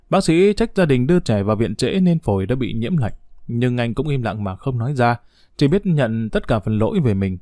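A man telling a family story as scripted narration, in a calm, even way. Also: medium pitch, no echo, studio quality.

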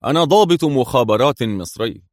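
A man's voice: mid-range voice, lively intonation, moderate pace, no echo, clean studio sound, lightly acted. A man voicing a cocky, sarcastic male secret agent in an audiobook reading, mocking and cool. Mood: stern.

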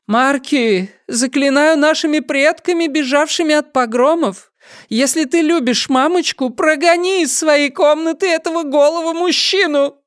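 A man doing a shrill, frantic mother. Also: moderate pace, a bit bright, dry recording, clean studio sound. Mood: pleading. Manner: shrill, breathless, melodramatic worrying. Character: frantic, overprotective middle-aged mother on the phone. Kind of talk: audiobook character voice.

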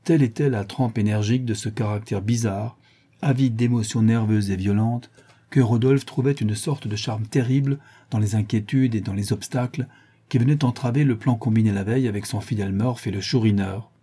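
In a fairly low, husky voice, a man narrates an audiobook of a classic novel with calm, steady pacing.

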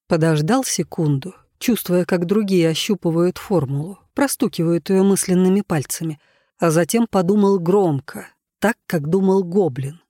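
A man narrating an audiobook in a steady, even reading voice. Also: sits high, no room sound, clean studio sound. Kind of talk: scripted narration.

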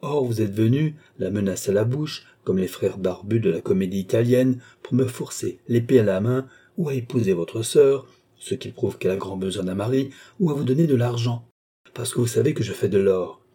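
A man voicing a haughty, weary older count who answers with calm, disdainful impatience. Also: medium pitch, moderate pace, husky, lightly acted.

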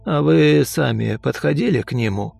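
A man voicing a calm, unshakable old taxi driver who speaks slowly and evenly, gently insistent. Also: a little high, vocal fry, faint music behind, voice pushed up. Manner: slow, even, gently insistent.

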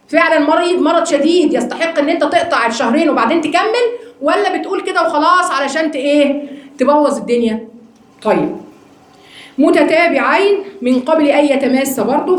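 A woman's voice: high voice, echoey room. A woman with an Egyptian Arabic accent teaching a religious study class, often putting questions to her students. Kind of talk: religious lesson to a women's class.

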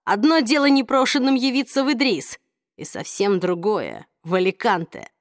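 A woman voicing a brooding young man, speaking low, slow and clipped in an audiobook reading. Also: big pitch swings, dry recording, clean studio sound. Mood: cold.

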